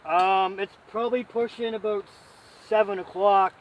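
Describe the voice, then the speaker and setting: A man's voice: high-pitched, fairly even intonation, moderate pace, recorded from a distance, muffled recording, over a noisy crowd. A man hosting a camping vlog, chatting casually to camera and a friend in a rambling, joking, folksy way.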